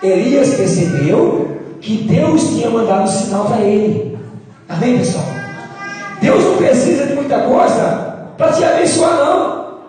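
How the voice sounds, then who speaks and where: A man's voice: very high voice, expressive, a little slow, recorded from a distance. Brazilian pastor man, sore throat, preaching hard, big echoey church hall with a long reverb. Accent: Brazilian Portuguese. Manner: impassioned preaching, shouting at peaks. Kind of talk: sermon.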